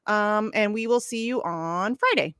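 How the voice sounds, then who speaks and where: A woman's voice: medium pitch, measured pace, a bit bright, clear, resonant tone, no echo, studio quality. A young woman co-hosting a casual podcast, talking animatedly, laughing often and swearing freely. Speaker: podcast co-host. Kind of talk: casual chat.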